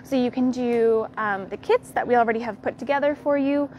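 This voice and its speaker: A young woman with an American accent hosting a live tour of a quilt fabric shop, walking the aisles and showing products in a friendly, unhurried way. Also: fairly high pitch, highs cut off, a little hiss or hum. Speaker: quilt shop staff host.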